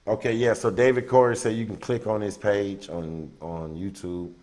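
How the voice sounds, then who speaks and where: Low-voiced man rambling as show host. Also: level tone, a little mellow. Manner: rambling, loose, many "um" pauses. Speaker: livestream talk show host. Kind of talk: casual call-in show chat.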